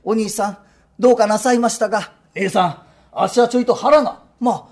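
Coy young theater lady, voiced by a man, soft polite speech, high voice, rakugo storytelling. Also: brisk. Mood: concerned.

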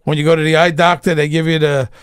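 A man's voice: fairly high pitch, level tone, fast talker, smooth, dry recording, clean studio sound. A man in his sixties in casual chat, blunt and opinionated, repeating phrases for emphasis. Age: 60s.

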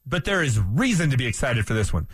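A man's voice: medium pitch, very animated, fast, husky, dry recording. A male sports radio co-host in casual talk, making skeptical points one after another with emphasis. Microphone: studio microphone. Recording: dry close studio sound.

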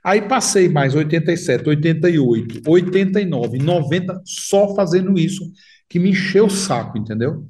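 A man with a Paraíba Northeast Brazilian accent tells his life story in a casual interview. His voice sits high and swings widely, and he acts out the people he quotes. He is recorded a little away from the microphone. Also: lively intonation, moderate pace, darkish tone, recorded from a distance.

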